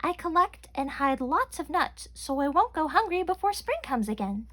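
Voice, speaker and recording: Woman doing a squeaky chipmunk, tiny and busy, very high, storybook. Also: big pitch swings, moderate pace, a bit bright. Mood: chirpy.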